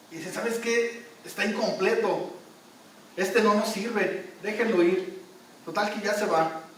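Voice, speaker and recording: A man's voice: high voice, fairly bright tone. A man preaching a sermon, emphatic, repeating his phrases as he tells an anecdote. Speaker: pastor. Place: church hall. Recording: very echoey hall, mic far off.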